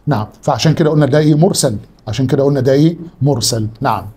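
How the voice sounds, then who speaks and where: A man with an Egyptian Arabic accent teaching a religious lesson as a sheikh, prompting his students with questions and slowing down to spell out word forms. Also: mid-range voice, warm tone, breathy edge.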